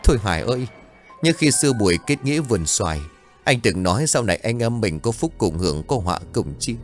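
A man voicing a scrawny small-time male gang boss who talks rough and curses, with a melodramatic streak. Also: on the low side, very animated, fairly quick, soft background music. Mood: solemn.

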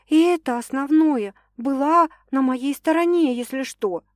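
A woman's voice: a little slow, no echo, studio quality. A woman voicing a young pregnant bride-to-be in an audiobook, nervous but cheerful. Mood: excited. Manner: bright, higher girlish delivery.

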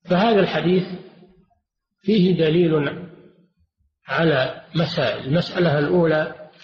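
Older man lecturing, roomy dull recording. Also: fairly high pitch. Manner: measured, repeats and rephrases points. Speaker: religious scholar. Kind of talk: classroom lecture explaining religious texts.

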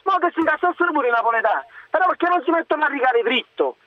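High-voiced Neapolitan man on a muffled phone. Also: expressive, racing, no echo. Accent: strong Neapolitan. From Naples, Italy. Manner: blunt, colloquial, emphatic. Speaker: radio phone-in caller. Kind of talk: unscripted opinionated phone-in talk. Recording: muffled narrow phone line.

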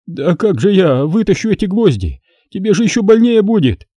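Reader playing a cowardly fussing dad, high whining voice, fretful. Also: male voice, sing-song, moderate pace, dark tone, slightly rough, dry recording, heavily acted. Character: fat panicky bald middle-aged father.

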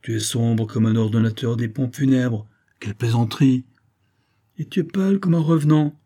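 Man reading as a calm young nobleman. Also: medium pitch, normal speed, lightly acted. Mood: teasing. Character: young male nobleman, calm and resolute before a duel.

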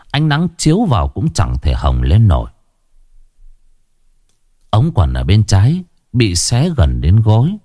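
A man's voice: on the low side, mellow, no echo, clean studio sound. A man telling a horror story in dramatic, suspenseful scripted narration.

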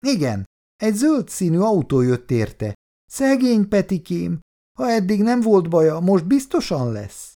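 A man's voice: sits high, sing-song, warm tone, pitched above the performer's own voice. A man reading aloud and voicing an anxious, complaining elderly grandmother. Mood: fretful. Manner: fretful, complaining.

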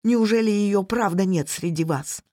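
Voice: mid-range voice, normal speed, warm tone, no echo, studio quality, lightly acted. A reader voicing a pitiful, frightened man who pleads in a trembling voice in a storybook reading. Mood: pleading. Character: frightened, pitiful runaway husband.

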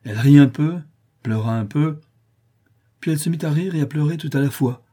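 A man reading a classic novel aloud as an audiobook narrator, in a measured storytelling manner. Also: fairly high pitch, dark tone. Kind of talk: scripted narration.

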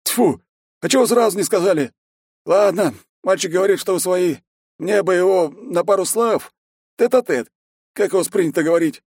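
Cagey village headman, middle-aged warrior, folksy and wheedling, pitched up high, as a male reader puts him on. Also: normal speed, a little mellow, breathy edge, no echo, clean studio sound. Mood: sly.

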